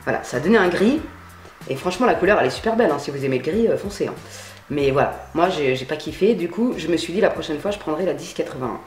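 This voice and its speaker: A woman's voice: low voice, expressive, fast talker, darkish tone, reverberant, faint music behind. A woman chatting casually while demonstrating how she dyes her hair, slangy and full of fillers. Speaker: beauty vlogger. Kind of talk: casual hair-dye tutorial chat. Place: home at night.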